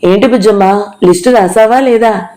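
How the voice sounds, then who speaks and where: A woman voicing a loud, teasing, thrifty middle-aged village woman who scolds and grumbles. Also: medium pitch, normal speed, close to an everyday voice. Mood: scolding.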